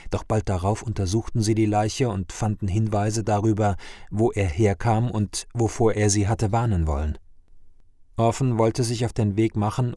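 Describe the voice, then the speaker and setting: A man narrating a scripted fantasy story in a measured, dramatic way. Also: fairly low pitch, dark tone, dry recording, studio quality.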